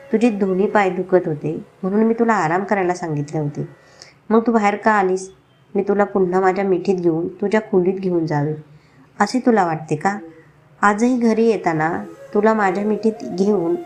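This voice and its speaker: A woman's voice: lowish voice, a little mellow, slight background noise, lightly acted. Woman voicing a teasing, domineering young man. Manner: mocking, commanding.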